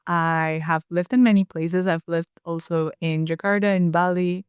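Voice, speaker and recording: A young Indonesian woman in her twenties, a nutritionist, chats casually as an interview guest, relaxed and quick to laugh, saying "like" a lot. Her lowish voice is smooth, at a normal pace, with no echo.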